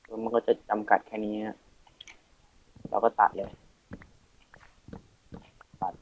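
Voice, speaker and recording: A man's voice: on the low side, flat delivery, slow pace, narrow, tinny audio, slight background noise. A teenage boy casually talking through a game tutorial, thinking aloud and muttering as he plays. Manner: chatty, thinking aloud, counting and muttering while playing. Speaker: Minecraft let's play host. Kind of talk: casual gameplay tutorial commentary.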